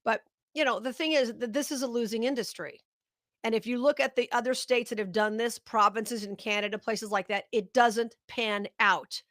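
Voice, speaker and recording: A woman's voice: fairly high pitch, steady tone, normal speed, a bit bright, dry recording, studio quality. A middle-aged woman hosting a live political commentary show, talking straight to her viewers with indignant, sarcastic outrage.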